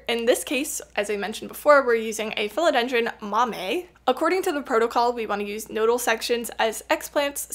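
On her plant tissue culture channel, a young woman explains each step patiently and warmly, laughing softly now and then. Her voice leans high and a bit bright, and the talk blends relaxed narration with live coaching.

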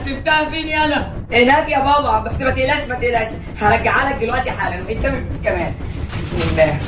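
A man's voice: very high voice, fast. A young man with an Egyptian accent acting in a comedy sketch, cocky and teasing. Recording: roomy sound from far off, music behind.

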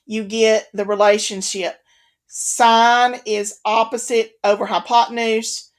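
A woman math instructor giving a recorded video lecture, patient and repeating key points with the odd "um" and "okay". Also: medium pitch.

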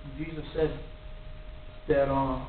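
With a medium-pitched, flat, slow delivery, a middle-aged lay preacher gives an earnest sermon that climbs toward emphatic warnings. He speaks into a stand mic near his mouth in a small church room with a cross behind him, and the recording is tinny, echoey, and distant with light hiss.

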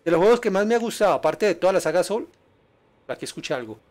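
A man streaming a game live, chatting with viewers and yelping in excitement at enemies. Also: high voice, quick pace. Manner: excitable, yelps and laughs at danger, chats with viewers. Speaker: gaming streamer. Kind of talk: live gameplay commentary.

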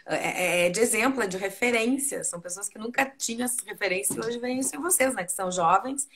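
Brazilian woman host, casual interviewer, middle pitch, relaxed back-and-forth. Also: fast, a little hiss or hum. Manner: conversational, with short backchannels.

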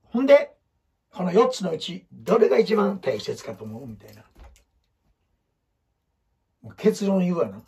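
A man's voice: high voice, big pitch swings, normal speed, vocal fry, pauses often, darkish tone. A man with an Osaka Kansai accent in a casual, blunt, rambling talk, explaining ideas with a whiteboard. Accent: Osaka Kansai dialect. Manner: blunt, rambling, acts out quotes in other voices. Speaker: photographer giving life advice.

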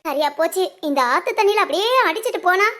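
A woman's voice: very high voice, fast talker, fairly bright tone. A woman voicing a chatty, teasing village neighbor woman in a cartoon, speaking.

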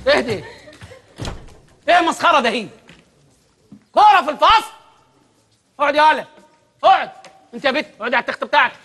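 A man's voice: extremely high pitch, lively intonation, rapid-fire, pauses often, heavily acted. An actor playing a stern, fussy Egyptian village schoolteacher who scolds his class in a comic drama. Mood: bossy. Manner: scolding, shouting orders, comic outrage. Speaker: strict village teacher.

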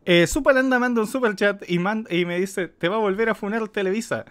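A man's voice: high-pitched, brisk, a bit bright. A man streaming casual live commentary as he reacts to a film.

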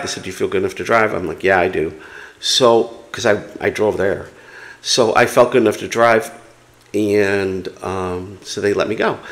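Low-voiced middle-aged man chatting on a vlog. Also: fairly bright tone. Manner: conversational, recounting and quoting dialogue. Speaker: vlogger on living with an illness. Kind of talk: casual explanatory vlog chat. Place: small home room, indoors.

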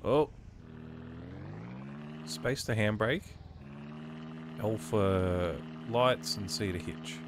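Talking through a game at a very slow pace with long pauses, a man with a slightly low, cold-tinged voice reads the on-screen instructions and muses aloud. His easygoing let's-play commentary is expressive, and background noise can be heard.

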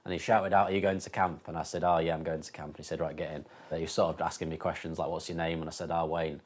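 Quick, very low-voiced former soldier. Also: male voice, level tone. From Northern Ireland. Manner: loose, filler-heavy storytelling. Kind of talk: casual recollection.

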